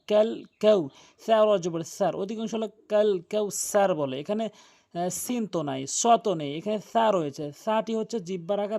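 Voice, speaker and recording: High-voiced earnest Quran recitation teacher, man. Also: mellow. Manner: earnest, emphatic, drills pronunciation letter by letter. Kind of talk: religious lesson on Quran recitation.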